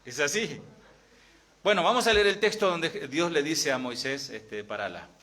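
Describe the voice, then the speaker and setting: Middle-aged Argentine male pastor, bright, slightly high voice, conversational sermon with frequent rhetorical questions. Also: expressive, moderate pace. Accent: Argentine Spanish.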